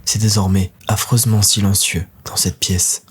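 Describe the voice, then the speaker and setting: A man narrating a dark science-fiction audio story in a grave, intense manner. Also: fairly low pitch, flat delivery, moderate pace, breathy edge.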